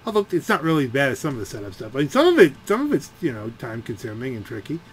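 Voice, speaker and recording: Racing along in a mid-range voice with wildly swooping pitch, a man who streams games and makes videos muses and complains aloud in casual commentary. Clear game engine noise, car sounds, and ambience play behind him.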